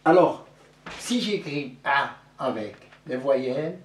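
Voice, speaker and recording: A man teaching Arabic letters in French, speaking slowly and repeating each sound several times over. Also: medium pitch, animated, a little hiss or hum. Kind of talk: slow classroom-style letter lesson. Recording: echoey room, voice from a distance.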